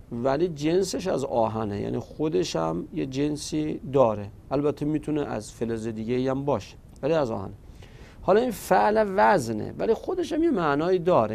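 Male grammar teacher, gravelly voice, patient and repetitive, recorded lesson. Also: mid-range voice, darkish tone. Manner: patient, repetitive drilling of verb forms.

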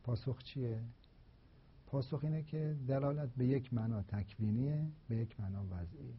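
A man delivers a philosophy lecture in a husky, slightly breathy voice. He works through each point slowly and deliberately, repeating examples to make them clear. The recording sounds dull and lo-fi. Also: mid-range voice.

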